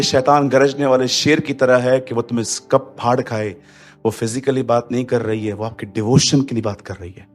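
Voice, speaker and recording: A man preaching a fiery, exhorting sermon, shifting between quiet warnings and loud calls to rise up. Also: mid-range voice. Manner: fiery, exhorting, mixes English into Hindi. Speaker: pastor.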